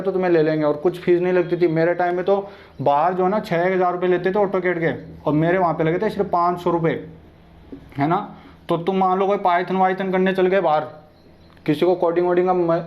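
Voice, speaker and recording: A young man teaching an online exam-prep lesson in a casual, chatty way, talking straight to his viewers. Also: high voice. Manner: chatty, addresses viewers directly and familiarly. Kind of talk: casual informal lecture. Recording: dull lo-fi sound.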